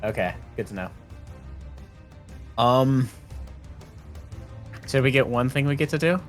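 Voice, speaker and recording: A tabletop game player chatting casually and haltingly in character. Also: mid-range voice, lively intonation, soft background music. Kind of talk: casual hesitant role-play chat.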